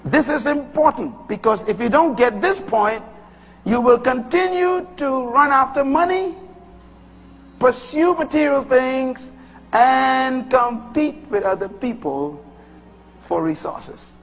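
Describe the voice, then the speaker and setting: Bahamian preacher with a gravelly, lively voice. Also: male voice, slow pace. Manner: emphatic, rising to high bursts and dropping low. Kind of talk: sermon. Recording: long hall reverb.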